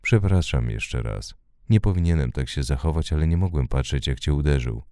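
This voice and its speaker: A man's voice: a bass voice, animated, normal speed, warm tone, no echo, studio quality. A man voicing a protective driver who speaks in short, commanding phrases. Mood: apologetic. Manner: curt, commanding. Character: male driver, protective, barely holding his anger.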